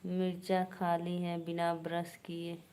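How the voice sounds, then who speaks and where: A woman's voice: lowish voice, monotone, takes it slowly, mellow. A woman with an Awadhi accent hosting a live stream, chatting casually and teasingly with viewers and greeting them by name.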